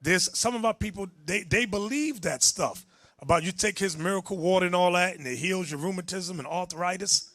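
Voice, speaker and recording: A man's voice: sits high, a little fast, fairly bright tone, dry recording, clean studio sound. A man preaching and teaching from the Bible, emphatic and direct, telling a reader when to go on.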